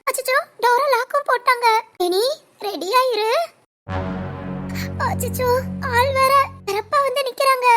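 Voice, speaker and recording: A very high, girlish voice of an anxious young wife, played by a woman. She frets aloud and coaxes her husband in a pleading, playful way. It sounds like a storybook audio drama. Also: unhurried, long pauses, sharp tone, soft background music, full character voice. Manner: fretful self-talk, coaxing and pleading. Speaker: wife of a policeman.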